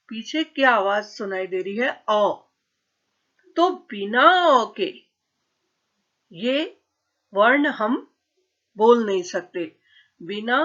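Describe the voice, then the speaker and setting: A woman's voice: mid-range voice, fairly bright tone, muffled recording. A woman teacher giving a grammar lesson, patiently asking questions and answering them herself. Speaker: school teacher.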